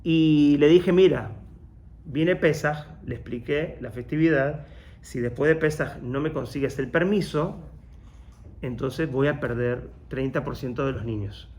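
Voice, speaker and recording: Man, rabbi, motivational workshop, lively storytelling, slightly high voice, acts out quoted voices. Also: a little slow, slight background noise. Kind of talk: personal story in a motivational talk.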